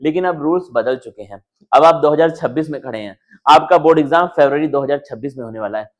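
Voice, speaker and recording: A young man teaching board exam strategy in a casual, chatty way, slowly reading English lines off slides. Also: on the high side. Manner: casual, addresses students as bhai and yaar.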